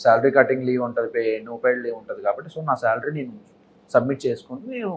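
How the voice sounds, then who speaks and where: A man's voice: medium pitch, quick pace, a little hiss or hum, poor audio. A young man answering interview questions casually, often slipping English words into his speech. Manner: mixes English into his talk, earnest. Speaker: interview guest.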